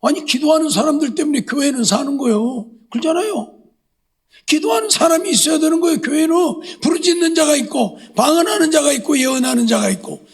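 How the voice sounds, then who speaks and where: A man preaching a sermon at a Friday prayer meeting, acting out the voices he quotes and swinging from hushed asides to loud exhortation. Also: extremely high pitch, lively intonation, brisk. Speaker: pastor. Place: church sanctuary.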